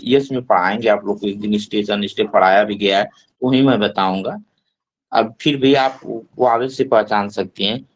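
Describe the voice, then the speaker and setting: Guy teaching english poetry terms online in hindi, slow careful explaining, middle pitch. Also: poor audio. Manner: explains terms slowly, often says "dekhiye", reads English lines slowly. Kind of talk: online class lecture. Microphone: online class mic.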